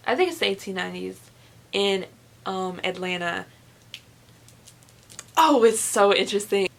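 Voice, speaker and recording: A young woman who reviews books as a vlogger chats casually to the camera. She gushes and is emphatic, often repeating words for emphasis. Her mid-range voice is expressive and unhurried, with vocal fry.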